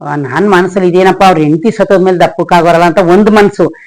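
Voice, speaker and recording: A woman's voice: fairly low pitch, fairly even intonation, quick pace, a little mellow, low-quality recording. Rambling, emotional woman vlogger. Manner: rambling, keeps addressing viewers as friends; emotional, reflective. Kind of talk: casual personal storytelling to viewers.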